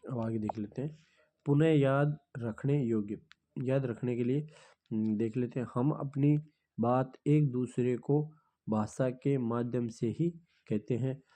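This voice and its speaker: A man's voice: medium pitch, a little slow, mellow. A man teaching a grammar lesson, explaining step by step and counting items aloud, with frequent hums and check-ins. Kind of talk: slow classroom explanation of grammar.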